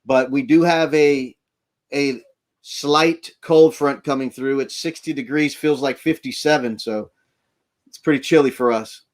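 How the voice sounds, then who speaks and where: This livestream host, from Florida in the United States, chats casually and rambles from inside his RV camper while thanking his viewers. He speaks at a measured pace in a medium-pitched voice with fairly even intonation.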